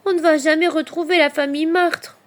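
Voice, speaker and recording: A woman's voice: very high voice, a little fast, pitched above the performer's own voice. A woman voicing a brave, cheerful little boy hedgehog who talks in an encouraging way in a children's story. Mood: dismayed. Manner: bright, encouraging.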